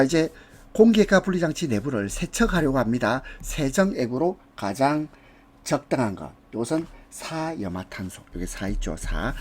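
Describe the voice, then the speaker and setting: Husky-voiced man giving an exam prep lecture. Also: medium pitch. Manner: walks through answers step by step, with casual asides.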